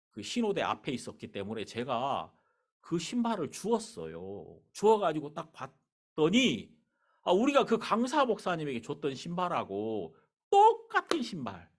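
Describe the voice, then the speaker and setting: Animated male pastor telling a story. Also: a little high. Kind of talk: sermon storytelling.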